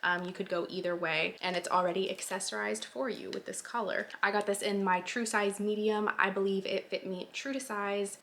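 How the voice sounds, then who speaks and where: Still sounding stuffy and nasal as she recovers from a sinus infection, this woman in her late twenties reviews clothes she's trying on for her fashion vlog. Her talk is casual, chatty and packed with fillers. The voice is mid-range and a bit bright, and there's slight background noise.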